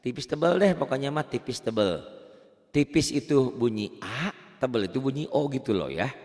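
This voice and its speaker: A man teaching beginners Quran recitation rules in a casual, chatty way, chanting slow drawn-out examples. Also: medium pitch, animated, a little mellow, big-room sound. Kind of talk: online tajwid lesson for beginners.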